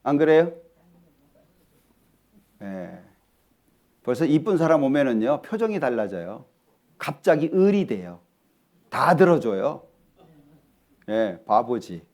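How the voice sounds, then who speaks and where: A man preaching a sermon in church, lively and talkative, often asking the congregation questions. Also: medium pitch, slow pace, long pauses. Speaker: pastor. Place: church hall.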